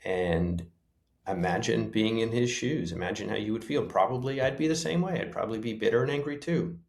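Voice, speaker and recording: Thoughtfully recounting experiences from his paramedic days in an interview, this man keeps circling back with "you know." His voice is lowish, creaky, and a little mellow, he talks a bit quickly, and the room echoes noticeably.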